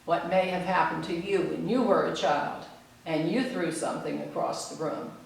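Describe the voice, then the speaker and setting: A woman psychologist giving a calm, measured educational talk, explaining her points step by step. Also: low-pitched, gravelly. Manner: measured, explanatory, acts out quoted scolding adults. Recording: very echoey room.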